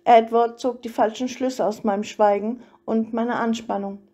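A woman reading a first-person novel aloud as a calm bedtime audiobook, slow and even. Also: on the high side, highs cut off. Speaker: audiobook reader. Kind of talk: first-person audiobook narration for falling asleep.

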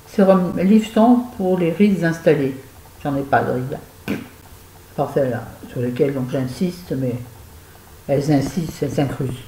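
A woman's voice: low-pitched, mellow. A woman chatting casually to her viewers as she reviews used-up beauty products, with wry, self-mocking asides. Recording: roomy echo, faint background noise.

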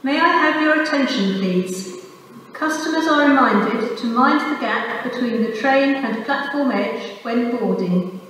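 Station loudspeakers carry a woman's pre-recorded railway announcement, her high-pitched voice lively in intonation though the delivery remains measured and formal, each word clearly spaced. The echoey platform speakers were recorded from a distance, with noisy station ambience behind them.

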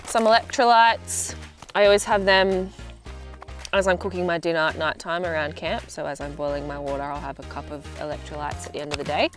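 A young Australian woman chats easily to the camera while sitting outdoors in the bush. Her voice sits low for a woman and she drops in plenty of ums. Soft music plays quietly in the background. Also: fairly quick. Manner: relaxed, chatty, frequent ums. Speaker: hiker presenting gear video. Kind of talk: casual explanation to camera. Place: outdoors in open bushland.

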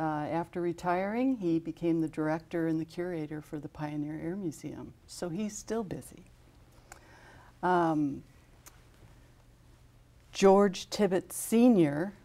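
With a deep voice and dark tone, this American woman in her fifties appears in a television studio interview for an aviation safety foundation. She goes through the honorees steadily and informatively, using plenty of fillers.

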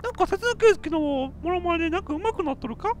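A woman's voice: extremely high pitch, animated, fast, faint music behind. A woman commentating a video game in a playful, boastful, old-fashioned elderly dialect. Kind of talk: casual let's play commentary.

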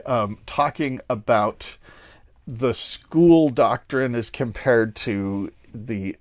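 A man's voice: medium pitch, extremely slow, no echo, clean studio sound. A man hosting a podcast, rambling candidly and sardonically, with lots of fillers and laughing at himself. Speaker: podcast host. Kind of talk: casual monologue.

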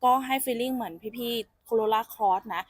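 A young woman giving a chatty, upbeat walkaround sales pitch for a used car. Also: slow pace, dry recording. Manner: chatty and upbeat, calling the viewer "khun phi".

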